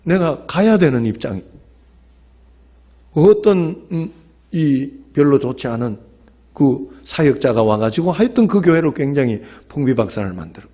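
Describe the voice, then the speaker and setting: A male pastor from the Gyeongsang region of Korea, speaking with a Gyeongsang accent, preaches an evening sermon in a church sanctuary, telling stories and making emphatic appeals to the congregation. His mid-range voice is mellow and sing-song, at normal speed.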